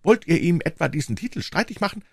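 A man's voice: a little high, sing-song, quick pace, gravelly, husky, no echo, clean studio sound, pitched above the performer's own voice, heavily acted. A man reading aloud and voicing a touchy, greedy male shopkeeper who talks pompously and indignantly, in a raised voice. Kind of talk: audiobook reading.

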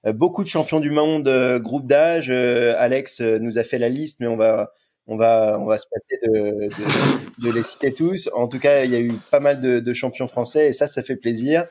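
Mellow-voiced man rambling on a podcast. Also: mid-range voice, fairly even intonation, normal speed. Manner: rambling, repeats words. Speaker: podcast co-host. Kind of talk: casual podcast chat.

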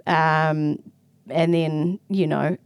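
A woman's voice: low voice, steady tone, drawn-out words, smooth, no room sound. A woman, a theatre director in casual conversation, thinking aloud and searching for words with many fillers.

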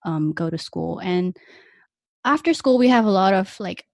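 A young Malaysian woman whose first language is Malay chats freely in a casual interview, using plenty of fillers and little laughs. Her mid-range voice has lively intonation, a touch of vocal fry, and a slightly mellow quality at normal speed. The sound is clean studio audio with no echo.

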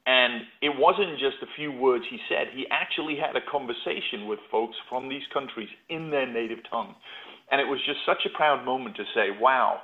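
A man's voice: mid-range voice, moderate pace. A middle-aged man from North Yorkshire, a podcast guest telling his story in a reflective, stop-and-start way. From England, North Yorkshire. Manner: reflective, with frequent restarts. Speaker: podcast guest, patent consultant. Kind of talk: casual interview talk. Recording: tinny phone-like line.

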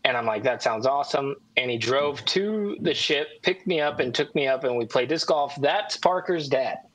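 A man's voice: mid-range voice, lively intonation, no echo, rough recording. Middle-aged man telling a story, dry sound. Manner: warm, unhurried storyteller. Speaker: podcast co-host. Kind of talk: casual storytelling.

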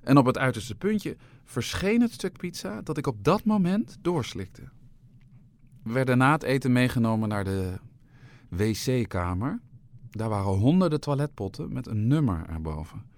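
A man reading a children's adventure story aloud with an expressive, playful delivery. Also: medium pitch, moderate pace, no room sound.

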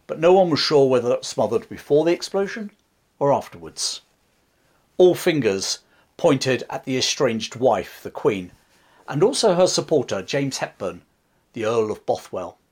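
A man tells history with real theatre in his voice, his pitch leaping up and dropping low for effect. He sits a little higher than most men and slips into friendly asides to the viewer between the dramatic beats. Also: breathy edge. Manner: dramatic storytelling with chatty asides. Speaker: history channel host. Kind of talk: history storytelling to camera.

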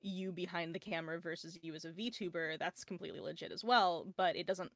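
A woman's voice: fairly low pitch, steady tone, a little fast, a bit bright, no room sound. A woman guest on a casual podcast, chatting fondly and rambling with frequent restarts as she talks about her streaming characters. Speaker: podcast guest, VTuber and artist.

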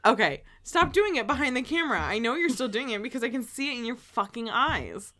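A woman's voice: on the high side, animated, fairly quick, pushed and bright. Playful swearing young woman. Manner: playful, swears, laughs a lot. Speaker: podcast co-host. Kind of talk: casual chat.

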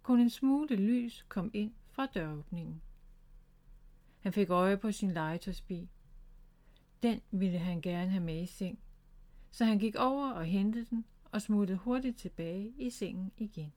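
A woman's voice: medium pitch, mellow. Woman reading a bedtime storybook. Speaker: storybook reader. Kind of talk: reading a children's story aloud.

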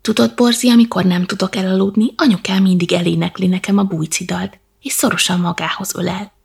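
A woman's voice: mid-range voice, fairly even intonation, vocal fry, breathy edge. A woman voicing a curious, brave little boy in a children's storybook. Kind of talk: storybook character voice.

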